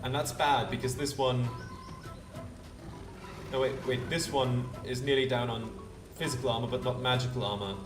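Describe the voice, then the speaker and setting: A male let's play host with an average-pitched voice gives casual game commentary. He thinks aloud and addresses the characters. He sounds distant from the mic in a roomy space, with loud music behind. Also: fairly even intonation, normal speed.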